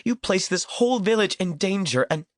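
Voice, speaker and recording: A man reading an audiobook, raising his voice high to play a defiant, scornful young village woman. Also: animated, a little slow, slightly rough, dry recording.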